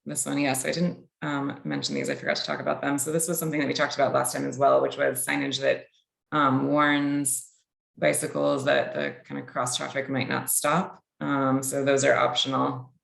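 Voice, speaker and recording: A woman's voice: extremely low pitch, little pitch movement, moderate pace, gravelly, echoey room. A woman staff member presenting plans at a public meeting, hesitant with many ums.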